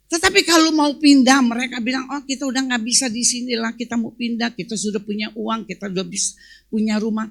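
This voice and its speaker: A woman pastor preaching a sermon at a church service. She tells a testimony and keeps calling the congregation "saudara," swinging between loud emphasis and hushed asides. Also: high voice, gravelly.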